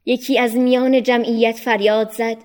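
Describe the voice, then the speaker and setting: A woman narrating a storybook for children in an expressive, measured way. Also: fairly high pitch.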